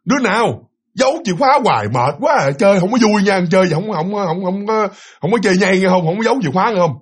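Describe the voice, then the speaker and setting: A man's voice: high-pitched, rapid-fire. A man voicing a young female cafe waitress who is irritated and bold, speaking in a snappish, scolding way. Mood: annoyed.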